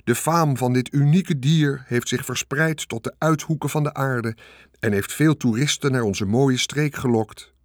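A man voicing a pompous, grandiose male loudspeaker announcer at a country fair in an audiobook. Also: mid-range voice, no room sound, clean studio sound, voice pushed up, lightly acted.

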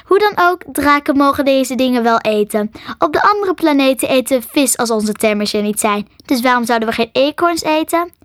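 A sulky female dragon who growls and grumbles about being hungry, as a woman reads her out. Her voice sits a little high in this storybook reading, and the sound is close and dry. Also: animated, brisk, fairly bright tone, no room sound. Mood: growling.

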